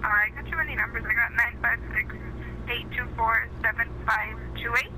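On a noisy telephone line, a woman employed at a truck stop answers a caller politely, if a little hesitantly. Her voice is on the high side, with fairly even intonation and a moderate pace.

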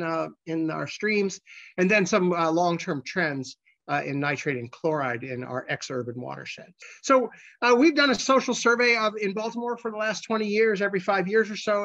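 A man giving a conversational scientific slide presentation as a researcher, halting, with repeated words and false starts. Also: high-pitched, a bit bright, muffled recording.

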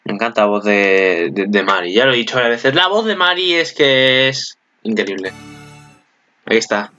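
Excitable bright-voiced Spanish man. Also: lowish voice, normal speed, dull audio, faint music behind. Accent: Peninsular Spanish. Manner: excitable, swears freely. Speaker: anime commentator. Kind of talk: casual video commentary.

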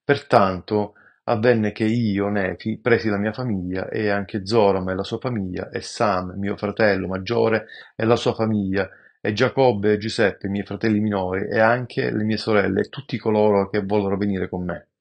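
A man reading scripture aloud in a slow, measured, reverent way, with the odd stumble over a word. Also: on the low side, fairly even intonation, vocal fry, dull audio. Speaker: amateur scripture reader.

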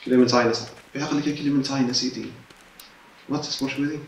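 A man's voice: mid-range voice, fairly even intonation, very fast, a little hiss or hum. A young man giving chatty let's-play commentary, mixing in English words from the game. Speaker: gaming YouTuber. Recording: roomy distant mic with game music.

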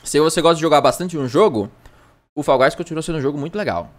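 A man's voice: fairly high pitch, fast. A man with a Brazilian accent chatting casually on a gaming livestream, rambling and joking at himself. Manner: rambling, jokey, self-mocking.

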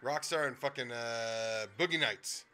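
A man's voice: mid-range voice, measured pace, bright, forceful tone. A young man watching a friend play, chatting and swearing about old movies, with game music behind. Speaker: let's play co-host. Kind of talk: casual gaming commentary.

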